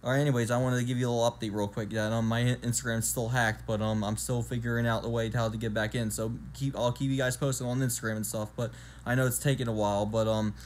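A man's voice: mid-range voice, little pitch movement, quick pace, a little hiss or hum. A young man in his twenties talking casually to his phone camera at home, rambling with many ums and restarts. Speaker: vlogger. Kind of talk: casual vlog talk to camera. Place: indoors, small room at home. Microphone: phone camera at arm's length.

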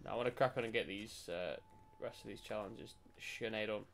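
A man's voice: on the low side, fairly quick, vocal fry, a little hiss or hum. A man chatting casually and teasing his partner while playing a video game. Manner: bantering, teasing, swears when excited. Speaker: gaming channel host. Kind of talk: casual gameplay chat.

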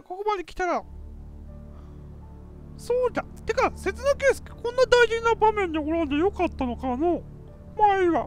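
Woman doing game commentary, playful old-fashioned dialect, extremely high voice, faint music underneath. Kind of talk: casual let's play commentary.

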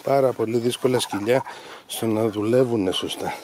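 A man's voice: medium pitch, a little mellow, a little hiss or hum. A man training hunting dogs, explaining each step methodically and calling to the dogs outdoors in the fields. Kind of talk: instructive commentary over training footage.

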